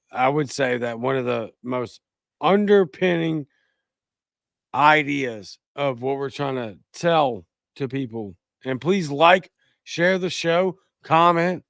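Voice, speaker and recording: Slow-talking gravelly male show host. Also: mid-range voice, a bit bright, no echo, studio quality. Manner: emphatic, ranting. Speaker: podcast host. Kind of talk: political talk show commentary.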